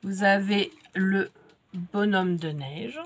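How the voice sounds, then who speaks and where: A woman's voice: mid-range voice, slow pace. A woman with a French accent and a stuffy nose from a cold, chatting casually as she unboxes craft kits. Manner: chatty, many fillers and restarts. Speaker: crafts vlogger.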